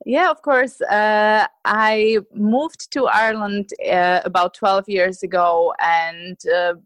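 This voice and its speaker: A woman in her thirties from Slovakia, a dance teacher appearing as a guest, answers interview questions about her dance group in a chatty way with many fillers and restarts. Her voice is medium-pitched and steady, she takes her time, and there is no echo.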